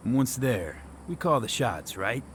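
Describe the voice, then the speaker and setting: A man's voice: medium pitch, very animated, measured pace, a little hiss or hum. A man playing a cocky, guarded mercenary in a video game, talking in clipped, casual slang. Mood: cocky, questioning. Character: street-smart young male mercenary, cocky and guarded.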